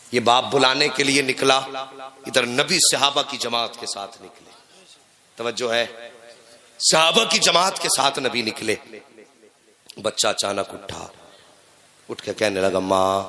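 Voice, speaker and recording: A male preacher telling an emotional story in a sermon, rising into sung and shouted lines. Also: fairly low pitch. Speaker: Islamic preacher. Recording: live crowd at a religious gathering. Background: crowd.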